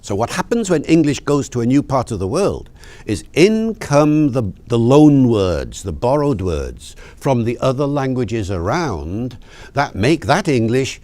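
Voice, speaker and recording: A man, a language lecturer, explaining things in an interview with lively anecdotes. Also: mid-range voice, slow pace.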